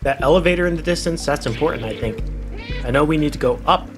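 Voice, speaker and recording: A man's voice: fairly high pitch, fast. Chatty young man playing a game. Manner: chatty, reacts aloud to the game, laughs often. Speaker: gaming YouTuber. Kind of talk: casual let's play commentary. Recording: game music behind the voice. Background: game music.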